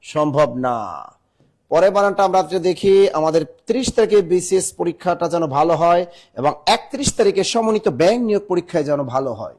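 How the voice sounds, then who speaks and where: A man with a Bangladeshi Bengali accent teaching a live online spelling class, spelling words out letter by letter and urging students to answer fast. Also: sits high, expressive, a little mellow.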